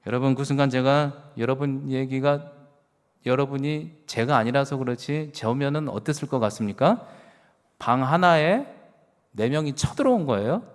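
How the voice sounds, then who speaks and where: A middle-aged man preaching a sermon as pastor, telling stories with swings from hushed words to loud exclamations. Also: medium pitch, normal speed. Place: church sanctuary. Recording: reverberant church hall.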